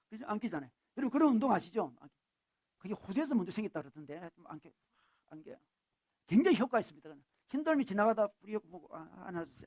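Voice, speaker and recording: A male pastor gives a lively sermon and keeps shifting into acted voices for the people in his text. His voice sits high for a man and moves quickly. The sound is close and dry. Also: no room sound. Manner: animated, acts out the scripture figures. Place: church.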